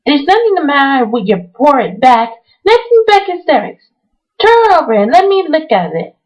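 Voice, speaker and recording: Woman doing Mary, a shrill furious little girl. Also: big pitch swings, moderate pace. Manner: shrill, stamping, furious outbursts. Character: angry, willful little girl. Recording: dull lo-fi recording.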